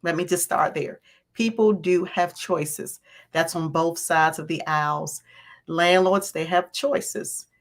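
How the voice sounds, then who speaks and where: A woman with a raspy voice hosting a live stream, greeting viewers by name and repeating her points. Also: on the low side, takes it slowly. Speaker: host of a livestream on landlord and tenant topics.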